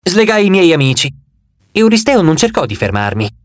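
A man's voice: high voice, very animated, moderate pace, no echo. A man giving a dramatic first-person reading as an audiobook narrator. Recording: dry close studio voice.

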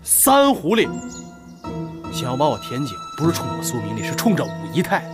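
A woman's voice: deep voice, huge pitch swings, fairly quick, music in the background. A flustered, stammering young woman. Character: excitable, slow-witted young woman of the household. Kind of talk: Chinese period TV drama, dubbed dialogue.

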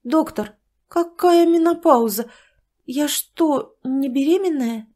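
A tearful, easily offended village woman of about fifty, as a woman reader puts her on. She talks in a raised, pleading voice that wavers on the edge of crying. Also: normal speed. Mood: plaintive. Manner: plaintive, high and pleading.

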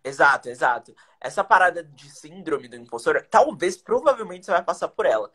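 A young Brazilian English teacher chats energetically on a live-stream video call from a small indoor room, sharing teaching tips through a webcam mic. His slightly high voice is bright, forceful, and husky, moving briskly and sing-song as he throws in slang and rhetorical questions.

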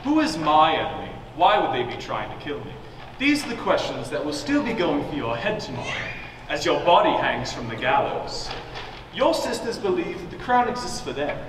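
Young man acting a smug, theatrical, menacing villain prince. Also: a little high. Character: smug young Prince Charming turned gloating comic villain. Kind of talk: theatrical stage-play villain monologue. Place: stage in a school-type auditorium. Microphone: distant audience camera. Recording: echoey hall from far off, noisy.

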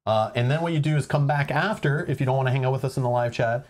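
A man's voice: mid-range voice, fast, a little mellow. A man hosting a livestream in a casual, conversational way. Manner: informal and conversational. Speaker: livestream host.

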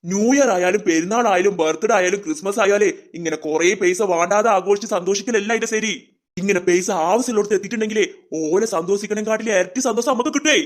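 Brisk, coaxing performer for a family comedy skit, mid-pitched.

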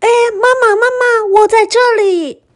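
A woman voicing a group of eager little tadpoles in a storybook, calling out in a bright, squealy, childlike way. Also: high voice, expressive, unhurried, voice pushed up. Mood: excited.

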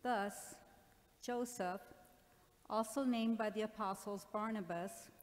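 A middle-aged woman reads scripture and psalms as a church lector, measured and deliberate. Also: mid-range voice, steady tone. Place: large church, at the ambo. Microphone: lectern microphone. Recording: long reverb of a church.

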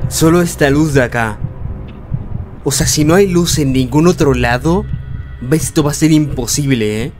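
A jumpy young man talks through a horror game. His voice sits at an ordinary middle pitch. He yelps in panic and mutters to himself over faint game music in the background. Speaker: gameplay streamer. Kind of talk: horror gameplay commentary.

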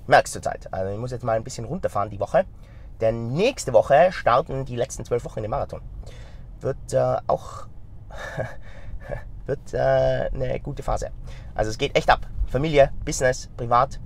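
A middle-aged man with a slight stuffy cold, talking straight to camera from inside a car, energetic and gesturing as he goes. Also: medium pitch, normal speed, slight background noise. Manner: energetic, gesturing with his hands, talks straight to the viewer. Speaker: vlogger and company founder. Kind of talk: casual talk to camera. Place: inside a car in city traffic. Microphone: phone camera mounted in the car.

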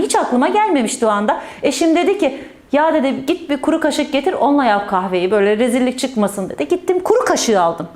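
A woman's voice: high-pitched, roomy sound. A woman teaching children in a playful storytelling way, joking with the pupils and stressing words in a sing-song manner. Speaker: primary school teacher.

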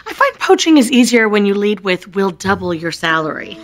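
A woman's voice: mid-range voice, sing-song, fairly quick, soft background music, natural voice. Actress as swaggering woman exec, dry and confident. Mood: gloating. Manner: wry, self-assured, sly humor. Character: brash confident woman executive, sly and swaggering. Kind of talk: TV drama acting. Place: indoor home dining room.

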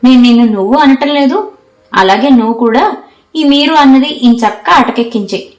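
Woman reading bold talkative college girl, teasing, higher voice, storybook audio, roomy echo. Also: moderate pace, close to an everyday voice. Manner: teasing, chatty.

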